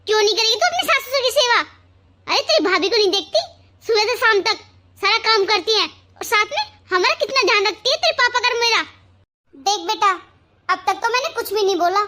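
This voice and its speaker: A fretful, scolding older mother from a cartoon story. The voice sits very high and sounds bright and sharp. She lectures and worries in turn. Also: animated, a little fast, full character voice. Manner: scolding then fretting.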